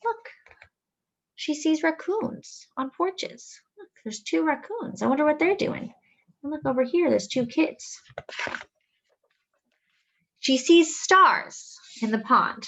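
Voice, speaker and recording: Her high-pitched voice carries a sing-song, expressive reading of a picture book to young children during story time, with lingering phrases and small asides and questions. The recording's high frequencies are cut off.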